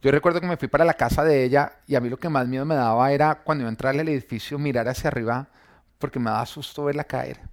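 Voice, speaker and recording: A church member with a medium-pitched voice speaks quickly as he earnestly relates his faith testimony. He paints the scenes and echoes what people said.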